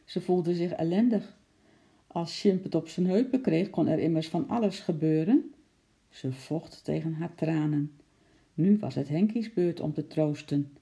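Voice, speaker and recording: A reader telling a children's story in a steady, unhurried way. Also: mid-range voice, gravelly.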